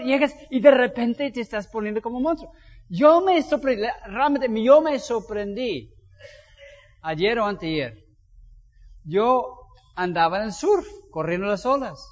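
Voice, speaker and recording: A man preaching a sermon as pastor, telling anecdotes in an animated way. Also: extremely high pitch. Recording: dull lo-fi sound with long hall reverb.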